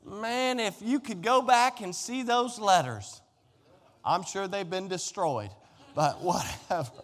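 Preaching slowly in a high-pitched, fairly bright voice, a middle-aged American pastor addresses his listeners conversationally and emphatically, posing rhetorical questions. Long reverb fills the echoey hall.

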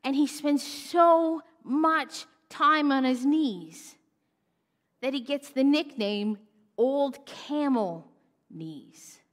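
A woman preaching a sermon, telling the story with animated expression and dropping to a hush for solemn points. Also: sits high, takes it slowly. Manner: animated storytelling, acts out mocking voices, drops to a hush for solemn moments. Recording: long reverb of a church hall.

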